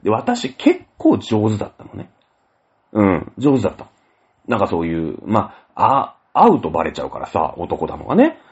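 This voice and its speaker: A man's voice: on the low side, wildly swooping pitch, moderate pace, breathy edge. A man hosting a casual solo talk show, rambling through a story with many fillers. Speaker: host. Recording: dull lo-fi audio.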